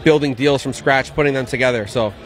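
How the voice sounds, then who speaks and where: Soft background music and a faint crowd accompany this street interview, held on an outdoor event patio with a handheld mic. The interviewee, a man around his thirties who runs an investment banking business, speaks fairly quickly at a medium pitch about his work.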